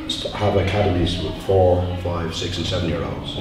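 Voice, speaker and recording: Low-voiced Irish man, deliberate, heavy echo. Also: over loud music. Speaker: football interviewee. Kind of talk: interview, giving opinion. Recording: very echoey, distant mic, noisy background.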